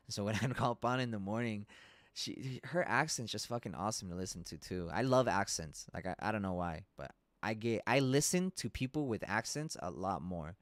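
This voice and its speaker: Low-voiced man chatting through market charts. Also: dry recording. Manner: loose and chatty, swears casually, laughs often. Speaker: trading educator hosting a live stream. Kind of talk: casual live-stream market analysis.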